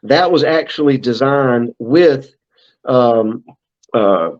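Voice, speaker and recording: A middle-aged man with a mid-range voice speaks slowly over dull audio as a podcast guest. He's a brand manager, talking casually and at length, with lots of fillers and restarts.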